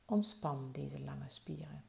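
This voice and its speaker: A woman guiding a slow body-relaxation meditation with soft, soothing instructions. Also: a bass voice, creaky. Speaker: relaxation guide.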